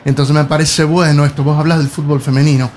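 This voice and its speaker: A man's voice: fairly high pitch, flat delivery, fast, darkish tone, a little hiss or hum. A man, talking in a casual panel chat, hesitant and musing with many fillers. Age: 60s.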